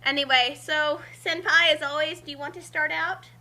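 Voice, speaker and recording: Background music accompanies this co-host of a group fan-fiction reading, whose high-pitched voice sounds pushed and bright at a normal speed with fairly even intonation. She keeps the casual session lively with theatrical, mock-dramatic banter and commentary.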